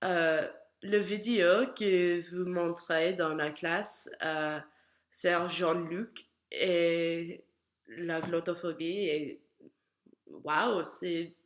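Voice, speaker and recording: Young woman, American accent, hesitant, slow, fairly low voice, learner's class reflection. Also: fairly even intonation. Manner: halting, searching for words with many fillers. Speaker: student.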